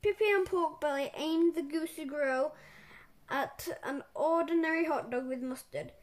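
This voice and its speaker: Playful storyteller reading a children's book aloud; a woman with a high voice and a slow pace. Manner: animated, playful.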